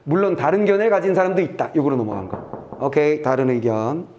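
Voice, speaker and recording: Brisk, chatty male exam-prep teacher. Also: darkish tone, dull audio, slight background noise. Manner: brisk and chatty, reads aloud then checks "됐지?" and trails off low. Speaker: Korean test-prep teacher. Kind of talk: lecture walking through an exam passage.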